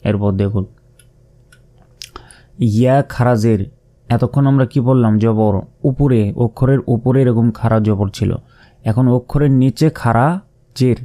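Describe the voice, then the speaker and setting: Mellow-voiced man teaching Quran reading. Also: mid-range voice, normal speed. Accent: Bangladeshi Bengali. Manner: explains patiently, repeats letters and sounds aloud. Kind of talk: step-by-step recitation lesson.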